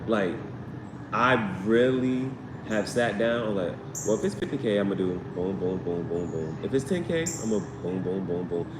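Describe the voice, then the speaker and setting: An expressive male voice at a moderate pace belongs to a tarot reader casually live streaming, who keeps rambling, repeating points and throwing in slangy asides. Recorded on a far-off mic in a roomy space, it carries noisy background sound with vehicles rumbling.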